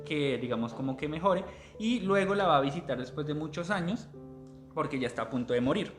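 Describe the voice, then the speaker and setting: A man's voice: on the high side, expressive, fairly quick, faint music behind. Hesitant man presenting a book. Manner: hesitant, self-correcting. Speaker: literary presenter. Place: public library.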